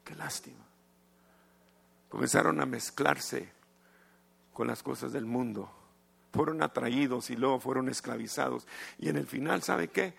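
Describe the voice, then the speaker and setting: A male pastor preaching an evangelistic sermon, swinging from hushed to shouted and slipping in English phrases. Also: medium pitch, a little slow, creaky, long pauses, breathy edge. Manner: mixes English phrases into his talk.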